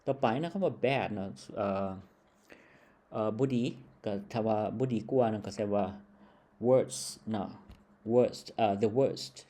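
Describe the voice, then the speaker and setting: A man's voice: medium pitch, slow, mellow. A man from Laos teaching English grammar in a patient lesson style, checking in with a short tag word after nearly every phrase.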